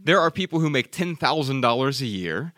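A man's voice: mid-range voice, animated, fairly quick, fairly bright tone, no echo, studio quality. A man in his thirties co-hosting a podcast. He speaks emphatically and lectures, often repeating words as he builds his point. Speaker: podcast co-host. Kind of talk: casual podcast talk.

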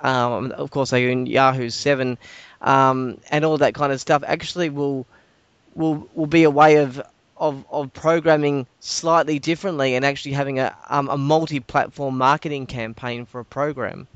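Casual Australian male host, clear and resonant, halting phrasing, close dry sound. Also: medium pitch, fairly even intonation, dry recording, lo-fi sound. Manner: halting, repeats words as he goes. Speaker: podcast host. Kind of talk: casual discussion.

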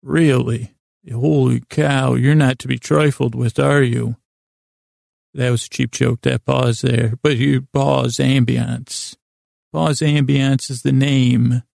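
A man hosts a sleep podcast from a small closet, his creaky, gravelly voice medium in pitch, darkish in tone, and fairly flat. He rambles haltingly and nonsensically, drawing things out, interrupting himself repeatedly, and adding apologetic, self-deprecating asides. The audio is studio quality with no echo.

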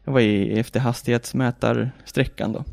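Speaking at medium pitch with vocal fry and no echo, a racing driver guest chats casually about a race. He plays out his past reactions with shouts and laughter, keeping the energy high. Frequent swearing and the fillers "liksom" and "jag bara" run through his speech.

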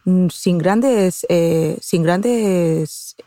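A woman from Castilla-La Mancha with a Spanish accent, a guest in a podcast interview, explaining calmly with many fillers and restarts. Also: lowish voice, drawn-out words, no room sound. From Castilla-La Mancha, Spain. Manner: explanatory, frequent "eh" fillers and restarts, addresses host directly. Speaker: guest expert on habits. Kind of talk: conversational interview.

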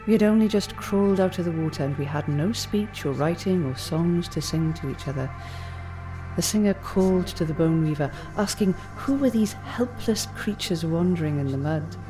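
A woman voicing a calm female principal teacher who tells an old legend in a measured, gentle cadence. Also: on the low side, music in the background, close to an everyday voice, poor audio. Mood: storytelling. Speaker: teacher figure in an audiobook. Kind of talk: audiobook character reading.

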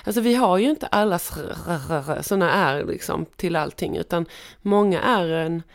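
Lively Scanian woman, low voice. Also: gravelly. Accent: Scanian Swedish. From Skåne, Sweden. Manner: lively storyteller, mimics voices in anecdotes. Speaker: guest. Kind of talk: casual chat.

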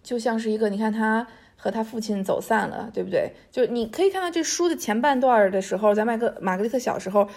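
Chatty, higher-pitched woman author. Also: fast, hardly any pauses, a little mellow. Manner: chatty, colloquial, often seeking agreement with tag questions. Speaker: author guest discussing their history book. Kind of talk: casual conversational storytelling.

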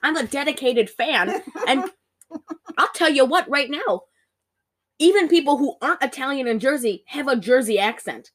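A woman co-hosting a podcast, talking through a movie review in an animated, gossipy way with lots of fillers. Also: high voice, normal speed. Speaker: podcast co-host. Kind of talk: casual movie review chat.

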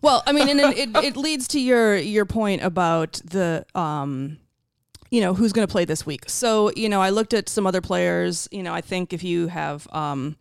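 Raspy guy with a higher voice, explaining his sports picks on a podcast, dry sound. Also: normal speed, no room sound. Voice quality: gravelly morning rasp. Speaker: podcast co-host. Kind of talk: casual sports podcast chat.

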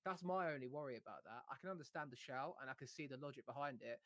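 A man's voice: medium pitch, quick pace, fairly bright tone, no room sound. A man hosting a casual football chat, giving opinions and reasoning them out aloud. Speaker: football podcast host.

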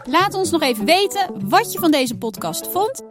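A woman reading a children's story aloud, putting on lively voices for the characters' dialogue. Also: very high-pitched, moderate pace, over music. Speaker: storybook reader.

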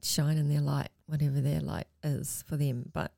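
Laughing Australian-accented woman, lowish voice. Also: little pitch movement, normal speed, gravelly, mellow, no echo, studio quality. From New Zealand and Australia. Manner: laughs often, chatty and self-assured. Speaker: podcast guest. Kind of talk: casual podcast chat.

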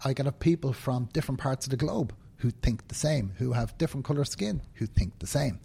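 Speaking a little fast, this Irish banker in his fifties has a mid-range, creaky, warm voice with a breathy edge. As a guest in a seated indoor interview, he comes across as earnest and emphatic, his Dublin accent punctuated by tag questions like "right?".

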